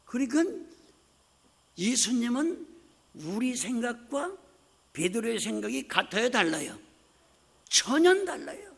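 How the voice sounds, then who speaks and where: An older man preaching a sermon as pastor, telling stories with lively acted-out voices and frequent asides to the congregation. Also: very high-pitched, measured pace, vocal fry, pauses often, slightly rough. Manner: animated storytelling, acts out quoted voices, frequent "네?" asides. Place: church sanctuary. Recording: long hall reverb.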